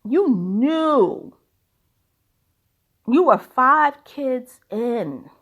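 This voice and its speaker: A woman's voice: sits high, lively intonation, very slow, a bit bright. A woman giving casual, opinionated commentary in an emphatic, blunt, colloquial way.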